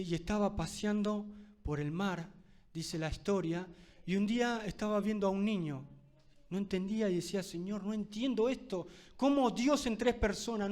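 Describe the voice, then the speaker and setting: A man with a Rioplatense Spanish accent preaching a fervent sermon, checking in with the congregation often and closing in prayer. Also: high voice. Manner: ends in a spoken prayer.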